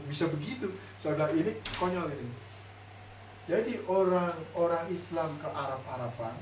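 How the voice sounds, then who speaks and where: A male pastor giving a casual, chatty sermon, telling stories with laughing asides. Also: on the high side. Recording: echoey room, distant mic, faint noise.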